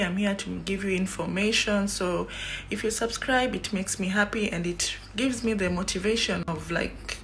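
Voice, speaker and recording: There's a little hiss or hum as a young Kenyan woman, a YouTuber, vlogs casually to her phone camera at arm's length from a small room. Her mid-range, Kenyan-accented voice rambles chattily, packed with fillers, while she gestures animatedly.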